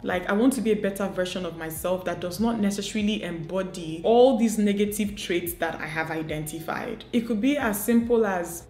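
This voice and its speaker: A woman's voice: mid-range voice, fairly quick, few pauses, a little mellow, faint music behind. A woman giving motivational advice to camera, earnest and coaching, asking many rhetorical questions. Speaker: beauty and lifestyle vlogger. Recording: echoey room.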